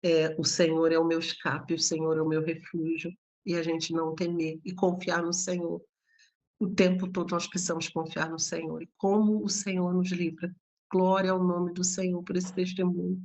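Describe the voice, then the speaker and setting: A woman host with a low voice offers devotional encouragement to the women listening. Her delivery is earnest and prayerful, and her pitch stays steady and flat. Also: normal speed.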